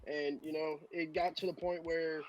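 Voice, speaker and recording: A man's voice: a little high, level tone, moderate pace, background noise. A man talking casually as a guest on a podcast, an esports coach sharing his experience.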